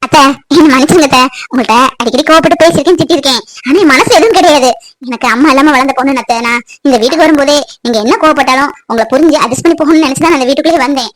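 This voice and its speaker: A woman's voice: sits high, rapid-fire, close to an everyday voice. A woman voicing a young, dutiful daughter-in-law in a cartoon, wailing and pleading through tears. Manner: wailing, sobbing pleas. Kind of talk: cartoon voice acting.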